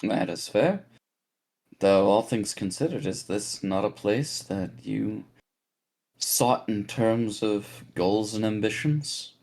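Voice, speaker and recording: A man voicing a calm, inquisitive female fortune teller with measured, formal phrasing. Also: on the low side, creaky, voice pushed down, heavily acted.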